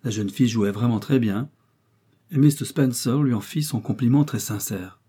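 A man reading a classic novel aloud as audiobook narrator, in a measured, even way. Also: mid-range voice, husky. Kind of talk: scripted literary narration.

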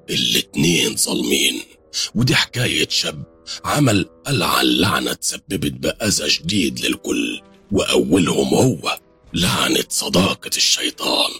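Man voicing a slow, preaching old sheikh. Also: a bass voice, bright, forceful tone, breathy edge, exaggerated voice. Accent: Egyptian. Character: wise, stern old village sheikh.

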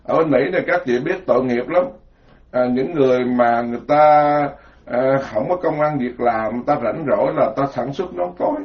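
A man's voice: mid-range voice, normal speed. A man with a Southern Vietnamese accent from the Mekong Delta, a Buddhist monk giving an informal, joking sermon and piling up words in emphatic lists. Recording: dull lo-fi recording.

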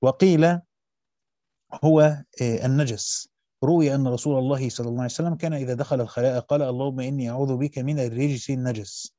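Egyptian man, teacher, reads a classical text aloud at a quick clip, dark, mellow tone, self-corrects on the fly. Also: medium pitch, fairly even intonation, no room sound. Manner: rapid reading with quick self-corrections and colloquial asides. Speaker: teacher reading a Quran commentary aloud. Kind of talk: fast read-through of a classical text with brief asides.

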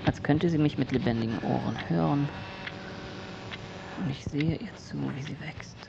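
A man narrates from a tower as a brooding, morbidly deranged loner in an experimental radio-play monologue, his creaky voice pitched a little high. He speaks deliberately, in halting fragments, often breathy and hushed, with a morbid, intimate mood. The recording is lo-fi, dull, and noisy.

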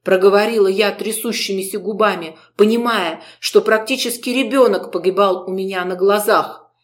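A woman narrating a first-person audiobook in an expressive, emotional storytelling manner. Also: mid-range voice, moderate pace.

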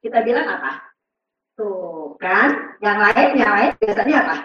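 A woman's voice: medium pitch, fairly quick, a bit bright, slight background noise. A woman giving an interactive parenting seminar, quizzing the audience and acting out parent and child voices. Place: large seminar hall with audience. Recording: very echoey, distant, dull hall recording.

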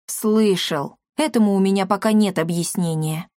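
A woman voicing an excitable young male inventor in a storybook reading, eager and exclaiming. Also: medium pitch, moderate pace, no room sound, studio quality, close to an everyday voice. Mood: excited.

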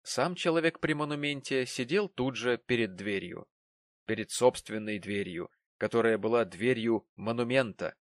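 A man narrating an audiobook of a classic novel in a measured storytelling way. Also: mid-range voice, lively intonation, dry recording. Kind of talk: scripted narration.

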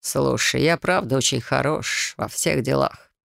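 A man's voice: mid-range voice, steady tone, moderate pace, vocal fry, no room sound, clean studio sound, pitched below the performer's own voice. A narrator voicing a brash, smug young man who boasts of his strength and money, in an audiobook. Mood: boastful. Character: brash, cocky, smug young male suitor. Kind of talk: audiobook character voice.

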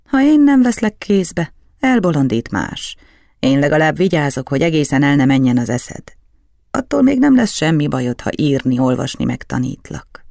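A man voicing a gruff, bitter old alchemist in an audiobook. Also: fairly high pitch, big pitch swings, a little mellow, dry recording, studio quality.

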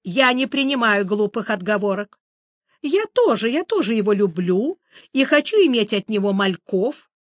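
A woman's voice: mid-range voice, animated, moderate pace, dry recording, close to an everyday voice. A woman voicing a capricious young female siren who squeals and complains in a singsong voice. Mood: indignant singsong.

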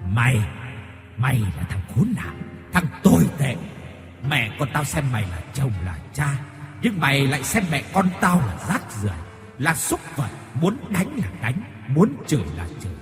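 A man's voice: mid-range voice, very animated, normal speed, roomy sound, big-room sound, faint music behind, natural voice. A man voicing the vengeful ghost of a grieving mother, bitter and tearful. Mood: bitter, accusing. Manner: bitter accusing, then sobbing.

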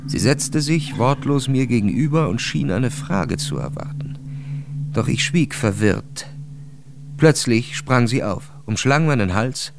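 A man narrating a literary radio drama in a measured, calm storytelling voice. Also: mid-range voice, creaky, background noise.

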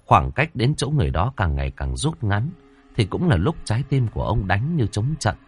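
A man narrating a ghost story in a dramatic, expressive way. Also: on the low side, normal speed, breathy edge. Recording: dry close voice over faint music.

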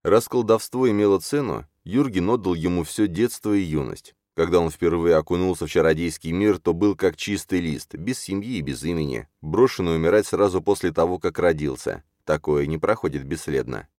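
A man narrating an audiobook in a measured, expressive storytelling manner. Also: low-pitched, no echo, clean studio sound. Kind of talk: scripted narration.

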